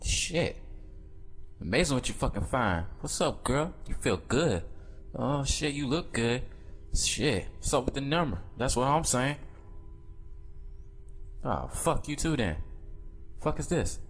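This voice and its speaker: A man voicing an aggressive, protective father deer in a comedic animal voiceover, talking in profane, confrontational street slang with a husky voice. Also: mid-range voice, big pitch swings, measured pace, pauses often. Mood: cocky, casual.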